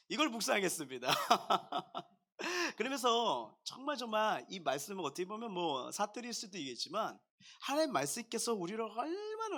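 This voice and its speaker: A man preaching a sermon as pastor, talking straight to his congregation in a jovial, animated way. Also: sits high. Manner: addresses the congregation directly.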